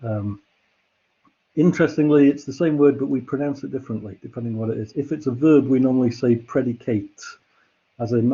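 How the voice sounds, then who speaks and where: Man, lecturer, very dark husky voice, patient step-by-step explaining, dull lo-fi recording. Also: medium pitch. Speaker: university lecturer. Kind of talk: classroom lecture.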